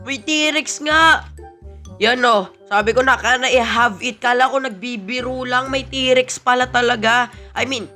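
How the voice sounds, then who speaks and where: A woman giving excited gameplay commentary, mixing Tagalog and English and shouting "yo" often. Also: fairly high pitch, normal speed, faint music behind. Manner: excitable, mixes Tagalog and English, frequent "yo" exclamations. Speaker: gaming channel host.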